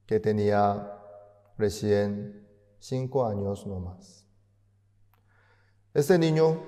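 A man telling a story as a sermon, in a slow, halting way with restarts and tag questions, with long hall reverb. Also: lowish voice, dark tone. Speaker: speaker at an online concert.

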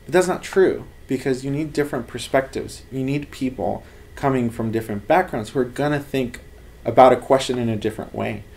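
Earnest man with a gravelly voice. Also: mid-range voice, fairly quick. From Los Angeles, United States. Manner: earnest, animated storytelling. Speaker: lab head researcher. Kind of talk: casual interview talk. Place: office with bookshelves, indoors.

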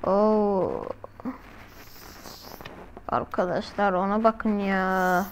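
A woman's voice: medium pitch, steady tone, extremely slow, slight background noise, rough recording. A woman doing casual, slangy reaction commentary as a video host, often exclaiming.

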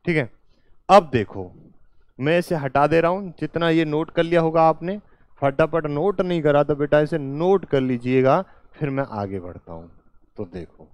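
A man teaching a class at a board, speaking slowly, repeating each point and answering his own questions. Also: a little high, dry recording. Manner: slow and repetitive, quizzing students with questions and answering them himself; calls the viewer "beta" and "my dear".

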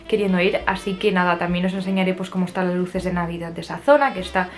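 A young woman from Spain, a little husky from a cold, chatting casually and self-mockingly to her camera in her bedroom. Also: fairly low pitch, fast. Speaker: vlogger. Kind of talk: casual vlog chat to camera. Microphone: camera at arm's length or on the desk.

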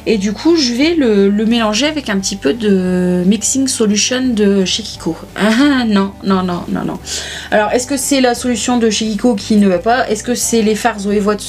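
A woman's voice: medium pitch, moderate pace, darkish tone. A woman, chatting casually to camera about her beauty purchases, with lots of hesitations and restarts. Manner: chatty, many fillers and restarts. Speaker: beauty vlogger. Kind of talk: casual haul chat to camera.

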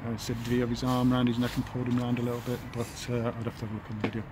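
A man in his fifties, an English football manager, giving a halting post-match interview outdoors by the pitch, full of fillers and restarts. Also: little pitch movement. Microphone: handheld camera at close range. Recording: outdoor noise behind.

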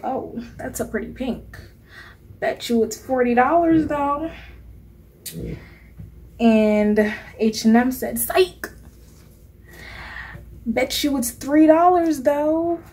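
A woman's voice: fairly high pitch, a little mellow. A young woman vlogger chatting casually about her shopping haul in her bedroom, playful and laughing often. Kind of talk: casual haul vlog talk. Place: bedroom indoors. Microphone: camera mic at close range.

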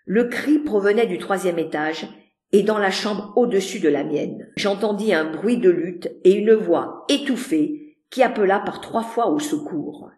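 A woman reads a classic novel aloud in a measured, expressive audiobook style. She takes her time over every phrase, and her voice carries a roomy echo. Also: mid-range voice. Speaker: audiobook reader. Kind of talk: literary audiobook narration.

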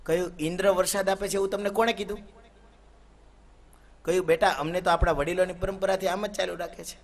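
A man's voice: high-pitched, fairly even intonation, a little fast. A man, a katha preacher telling a devotional story sermon. He chants Sanskrit verses and voices the characters' dialogue as he narrates.

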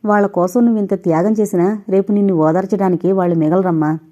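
A woman's voice: mid-range voice, steady tone, quick pace, mellow, close to an everyday voice. A woman voicing a caring older brother who gives sorrowful advice, in an audio novel. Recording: dull lo-fi recording.

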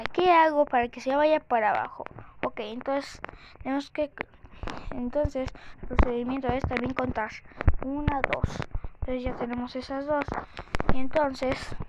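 High, slow, halting youthful woman, noisy recording. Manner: halting, thinking aloud. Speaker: tutorial host. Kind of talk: casual step-by-step game tutorial. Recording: muffled lo-fi mic with clicks and noise.

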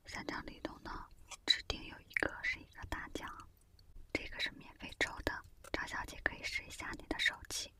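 Girl doing a pushy shop saleswoman, whispered role-play, all soft whisper, coaxing customer service talk up close. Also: fairly quick, lightly acted. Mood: persuasive.

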